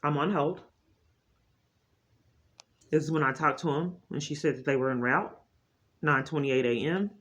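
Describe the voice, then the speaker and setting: Her low voice moves unhurriedly, with frequent pauses, as she sets out a long personal complaint off the cuff, insistent and aggrieved. The vlogger's reverberant recording is muffled, with heavy noise and clicks.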